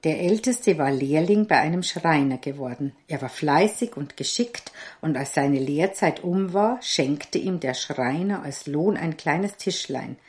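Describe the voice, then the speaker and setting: A woman narrating a fairy tale in a slow, measured storytelling manner. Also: low-pitched, lively intonation, a little mellow.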